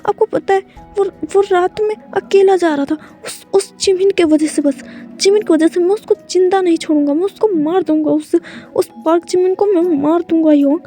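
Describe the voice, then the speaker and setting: A woman putting on a raging young man in a storybook tale, begging and threatening in repeated bursts. The voice sits high and mellow. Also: normal speed, faint music behind. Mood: furious. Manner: pleading, repetitive, breathless outbursts. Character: furious young man, lovesick and pleading.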